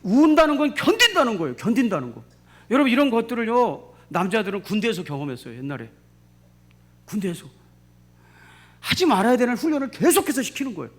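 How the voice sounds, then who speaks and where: A man's voice: very high-pitched, huge pitch swings, fast, pauses often, fairly bright tone. A middle-aged male pastor preaching a sermon, emphatic, repeating key phrases and asking the congregation rhetorical questions.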